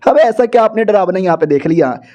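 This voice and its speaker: A man's voice: sits high, animated, quick pace, darkish tone, lo-fi sound. A man narrating a comic story recap in a jokey, chatty way. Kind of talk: casual comedic story recap.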